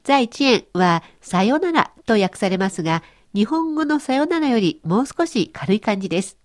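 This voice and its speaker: A woman's voice: fairly high pitch, normal speed. A woman presenting a radio language lesson, explaining cheerfully. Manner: cheerful explaining, lively intonation. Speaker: language teacher.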